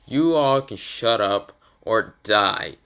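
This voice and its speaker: A man's voice: on the low side, lively intonation, slow, pushed and bright, smooth, heavily acted. A man doing a rude, sleepy young ninja boy. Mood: irritated. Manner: blunt, grumbling, swears a lot.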